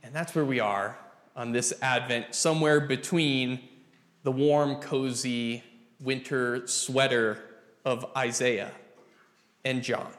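Slow-speaking preacher in a reverberant church. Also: male voice, mid-range voice, steady tone, fairly bright tone. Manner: slow, deliberate and folksy. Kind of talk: sermon with opening prayer. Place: church sanctuary. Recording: roomy reverberant church sound.

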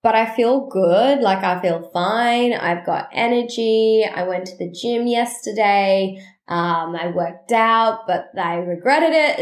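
A female podcast host with a voice on the low side talks through her casual solo episode, sounding nasally and congested. The echoey room frames her animated, rambling chatter full of quick asides.

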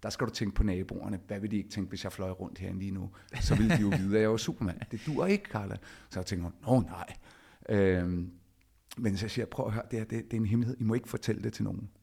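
A middle-aged man, a podcast host, telling a personal story in an animated way and acting out the dialogue himself. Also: lowish voice, creaky, husky. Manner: animated, acts out quoted dialogue.

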